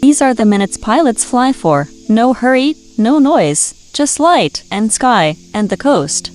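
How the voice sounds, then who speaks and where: A woman reading scripted video narration in a measured, poetic way, in short phrases. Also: fairly high pitch, sing-song, a little mellow, slight background noise.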